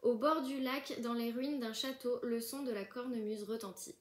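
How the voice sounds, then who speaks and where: A woman's voice: fairly high pitch, steady tone, normal speed. A young woman chatting casually through an unboxing, gushing often and full of fillers and restarts. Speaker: book vlogger.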